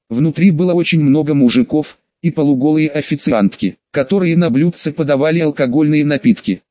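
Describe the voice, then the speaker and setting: A man's voice: a little high, no room sound, highs cut off. A man narrating an audiobook in the first person, in a brash, crude and profane manner.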